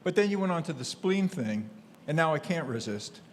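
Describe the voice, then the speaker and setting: A man in the audience speaking softly and matter-of-factly. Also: on the high side, sing-song, moderate pace, slight background noise. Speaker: audience member. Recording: distant mic in a reverberant hall.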